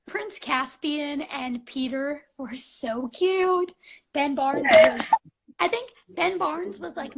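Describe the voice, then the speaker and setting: A young woman in her twenties hosts a casual live stream, her voice sitting high with a gravelly fry at the ends of phrases. She gushes in a bubbly way, peppering her talk with "like" and "um", heard through a phone mic. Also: fairly bright tone, low-quality recording. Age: 20s. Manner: gushing and bubbly, full of "like" and "um".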